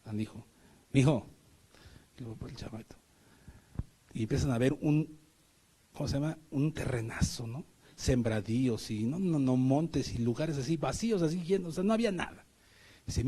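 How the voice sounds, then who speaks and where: A man's voice: mid-range voice, mellow, breathy edge. A middle-aged man with a Mexican Spanish accent preaching a sermon, emphatic, often asking the congregation rhetorical questions.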